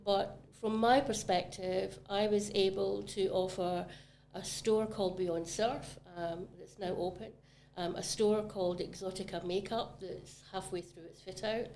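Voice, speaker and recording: A Scottish woman who manages commercial property chats enthusiastically about retail property on a casual podcast, using lots of ums. Her mid-range, darkish voice is fairly even in intonation and a little slow. There's slight background noise.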